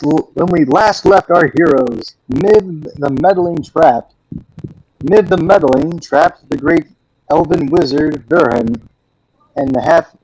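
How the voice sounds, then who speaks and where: A young man voicing a boy who plays dungeon master, narrating a fantasy quest in a grand storybook manner with a gravelly voice. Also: a little high, darkish tone, slight background noise, pitched above the performer's own voice, rough recording.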